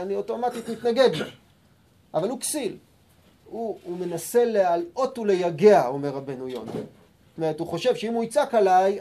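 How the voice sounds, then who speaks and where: A man giving a Torah lesson, who reads sources slowly and calmly and acts out heated arguments in sudden loud bursts. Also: high voice. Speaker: Torah teacher.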